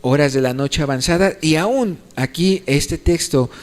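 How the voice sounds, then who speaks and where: Man preaching, slightly high voice, halting with fillers, long reverb of a church hall. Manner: teaching pace with many fillers and restarts; rises sharply to pleading appeals. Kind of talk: sermon.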